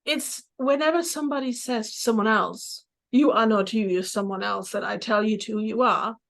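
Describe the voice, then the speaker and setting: A middle-aged therapist, born in Poland and from Germany with German as her first language, joins an interview to tell casual personal stories. Her voice is higher, with some vocal fry, and she talks at normal speed. She's animated, reenacting conversations as she recalls them.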